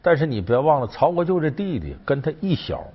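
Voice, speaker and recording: A man's voice: on the high side, sing-song, fairly quick, breathy edge. A man telling an old legend in a casual, chatty storytelling style, acting out the quoted lines. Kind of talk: casual folk-tale storytelling. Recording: dull lo-fi recording with long reverb.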